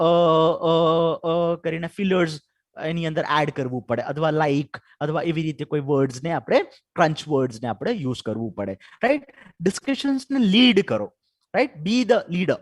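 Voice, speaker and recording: A man with a Gujarati accent lectures in a webinar on learning English, switching between Gujarati and English and checking in with "right?" again and again. His voice sits high and swings widely in pitch. The sound is dry and close, with no room echo. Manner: keeps asking "right?" after points. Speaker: English teacher giving a webinar talk. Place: home or office for an online webinar.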